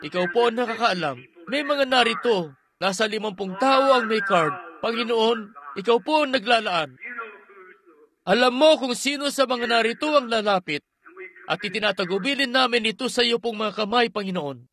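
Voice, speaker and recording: A man's voice: extremely high pitch, animated, normal speed, pushed and bright. A man preaching a sermon with earnest fervor, telling a healing testimony and leading a prayer.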